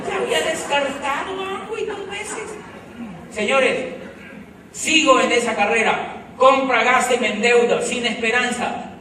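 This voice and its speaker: A middle-aged man telling a story to an audience in an animated way, repeating phrases for effect. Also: very high voice. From Colombia. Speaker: motivational speaker. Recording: echoey hall, distant mic, background noise.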